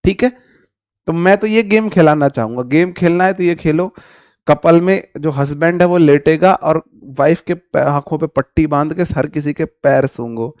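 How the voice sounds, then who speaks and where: A middle-aged male teacher runs a live vocabulary lesson, joking with his viewers and calling them brother. His voice sits a little high. The sound is dry and close, with no room around it. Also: normal speed, darkish tone, no room sound.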